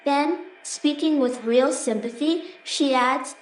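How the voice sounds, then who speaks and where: A woman's voice: high voice, slow pace, far from the mic. A woman reading scripted narration for a fantasy story as the narrator. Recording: roomy echo, faint background noise.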